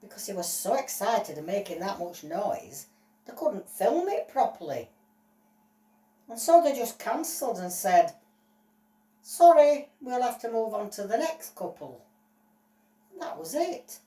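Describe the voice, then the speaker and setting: Aggrieved dog owner, as a woman puts her on, chatty, lively pitch, roomy room. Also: a little slow, long pauses, distant mic. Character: put-out woman complaining about her dog. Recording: roomy echo, voice off-mic.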